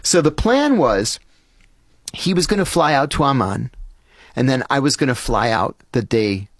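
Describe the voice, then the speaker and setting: Male podcast guest, lively swooping delivery, dry close sound. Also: medium pitch, normal speed, no room sound. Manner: animated, acts out each quoted voice. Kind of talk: storytelling anecdote in casual chat.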